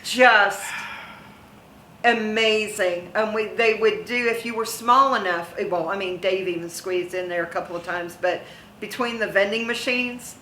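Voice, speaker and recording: A woman's voice: medium pitch, unhurried, pushed and bright, reverberant, a little hiss or hum, low-quality recording. A middle-aged woman being interviewed as a guest, reminiscing casually and gushing with praise, laughing often. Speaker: interview guest, theme park haunt performer.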